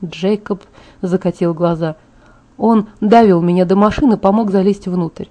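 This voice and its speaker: Female audiobook narrator, first-person novel, mellow dark tone, even measured read. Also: mid-range voice.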